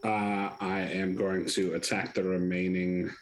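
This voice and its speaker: A man plays a tabletop game, chatting casually. His voice is low and he talks at a slow pace. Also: completely flat delivery, slight background noise. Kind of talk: casual chat.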